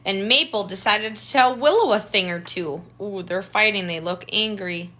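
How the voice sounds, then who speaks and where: At a moderate pace, a woman with a sharp-toned, mid-range voice reads a picture book to children as their tutor. She uses simple, child-directed language, with explanatory asides and questions or remarks that highlight details.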